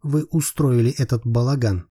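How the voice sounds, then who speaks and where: A man's voice: mid-range voice, moderate pace, warm tone, slightly rough, no echo, clean studio sound, lightly acted. A man reading an audiobook, voicing a touchy, boastful middle-aged private eye who talks curtly. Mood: edgy.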